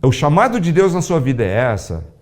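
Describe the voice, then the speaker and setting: A man preaching a sermon as a pastor, telling a story with animated, acted-out dialogue. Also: a little fast. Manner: animated storytelling, acting out dialogue with big pitch swings.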